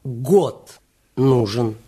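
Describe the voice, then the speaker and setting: A man voicing a cool, stern theatre secretary in an audiobook, speaking quietly and curtly. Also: mid-range voice, big pitch swings, unhurried, breathy edge. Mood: cold. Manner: quiet, dry, curt.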